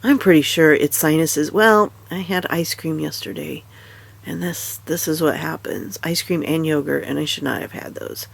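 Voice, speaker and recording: A tired woman with a stuffy nose, half awake and chatting casually in a rambling, halting way. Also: low voice, creaky, slightly rough. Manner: rambling, halting, many fillers and restarts. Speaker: vlogger. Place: in bed at home.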